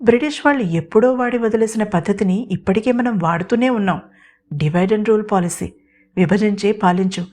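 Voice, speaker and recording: A woman's voice: medium pitch, a little mellow, lightly acted. A woman voicing a bold, scheming young woman who scolds and bosses others in an audio story. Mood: bossy teasing. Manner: bossy, rapid, scolding.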